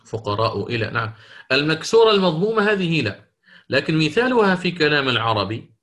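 A man's voice: on the high side, big pitch swings, a little fast, a bit bright. A man teaching Quran recitation rules in an interactive lesson, questioning students and correcting their answers.

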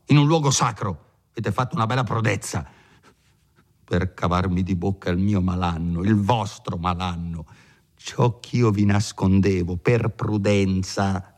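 A man's voice: low-pitched, slightly rough. A man voicing a timid, anxious elderly village priest who pleads and frets, sometimes falling to a whisper. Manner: pleading, fretful, drops to whispers.

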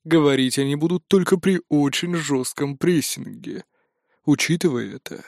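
A man's voice: fairly high pitch, moderate pace, creaky, no echo. Dry-voiced male audiobook narrator. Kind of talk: first-person fiction narration.

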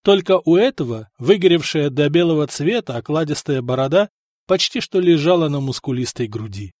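A man reading a novel aloud in steady, measured narration. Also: fairly high pitch, no room sound, clean studio sound. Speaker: audiobook narrator. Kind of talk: scripted narration.

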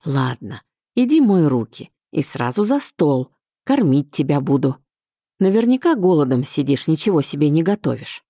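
A caring elderly aunt in an audiobook, talking low and fondly, as a woman reads her. The voice is mellow and dry, with plenty of lilt in the lines. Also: big pitch swings, normal speed, no echo, exaggerated voice. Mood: fussing. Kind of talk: audiobook character voice.

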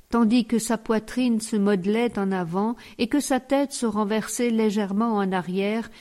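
A woman narrating a novel as an audiobook, in a measured, steady reading voice. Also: medium pitch.

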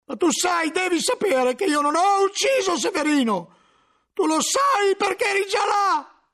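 A man voicing a furious, desperate monk cellarer who shouts his accusations. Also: animated, a little slow, heavily acted. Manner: shouting, high-strung.

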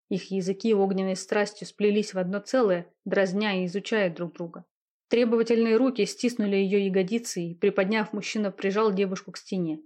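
A woman reading a romance novel aloud in a steady, intimate narrating voice. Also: mid-range voice.

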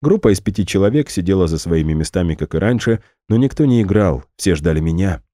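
A man reading a first-person audiobook in a measured, matter-of-fact way. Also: sits low, expressive, warm tone, no echo, studio quality. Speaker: audiobook narrator.

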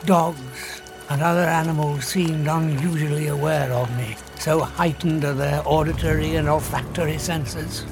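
An actor with a British accent playing a proud, haunted fugitive scientist, theatrical and formal, in an audio drama. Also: male voice, a little high, steady tone, moderate pace, hardly any pauses, music in the background, natural voice. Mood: brooding.

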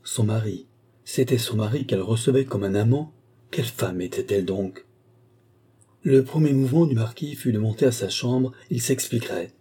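Man, audiobook narration, measured and dramatic, dark mellow tone. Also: medium pitch, slightly rough. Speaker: audiobook reader. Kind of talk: scripted narration.

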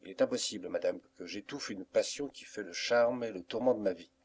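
A man's voice: lowish voice, fairly quick, slightly rough. A man reading an ardent young count. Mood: impassioned. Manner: insistent, impassioned. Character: passionate young nobleman, ardent suitor. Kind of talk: audiobook reading.

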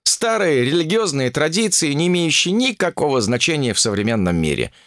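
A stubborn young graduate student argues in a high, shrill, exasperated voice, as a male audiobook reader puts her on. The voice swings widely in pitch. The recording is dry and close. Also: very animated, a little fast, no room sound. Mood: indignant.

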